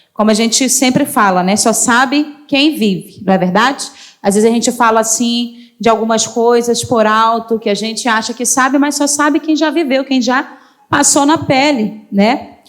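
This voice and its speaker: A woman's voice: fairly high pitch, measured pace. A woman hosting a church gathering, chatting to the congregation with frequent tag questions. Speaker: church host. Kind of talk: church talk.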